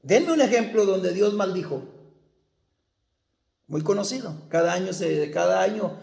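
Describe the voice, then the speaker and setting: A man's voice: sits high, lively intonation, unhurried, vocal fry, darkish tone, roomy sound. A male pastor preaching a sermon, asking the congregation questions and answering them himself.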